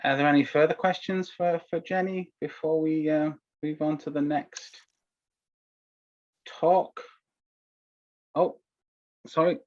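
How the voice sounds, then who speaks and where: A man chairs an online workshop Q&A, polite and hesitant, often restarting his phrases. His voice is on the high side with fairly even intonation, slow and pausing often. It comes through a video call that sounds dull and lo-fi.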